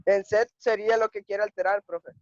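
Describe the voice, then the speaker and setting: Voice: medium pitch, fairly even intonation, moderate pace, no room sound. A student answering the teacher casually and joking with her. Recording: dry, dull lo-fi sound.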